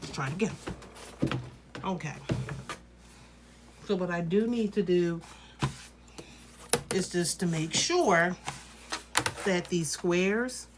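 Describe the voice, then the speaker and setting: A woman talks through her quilting steps in a relaxed, chatty live tutorial. Her voice sits a little low, and she keeps reassuring viewers as she works. A faint hiss of background noise runs under the recording. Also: takes it slowly, long pauses. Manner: chatty, reassuring, thinks aloud while working. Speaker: quilting instructor.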